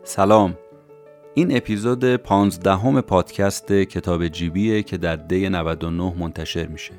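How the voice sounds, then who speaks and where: Calm low-voiced man hosting a podcast. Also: faint music behind. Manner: calm, explanatory, addresses listeners directly. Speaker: podcast host summarizing books. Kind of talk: scripted podcast narration.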